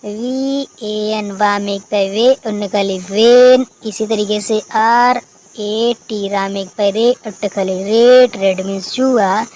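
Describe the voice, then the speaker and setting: A woman's voice: medium pitch, fairly even intonation, slow, a little mellow, slight background noise, poor audio. Woman teacher, recorded lesson. She spells out letters and asks her own questions. Faint crickets in the background. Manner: spells out letters and asks herself questions, then answers them. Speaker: English teacher.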